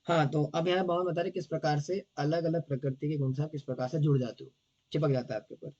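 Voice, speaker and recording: A hoarse man teaching a devotional scripture class in a casual, chatty way, often teasing and checking in with his listeners. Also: fairly high pitch, fairly even intonation, quick pace, darkish tone, dull audio.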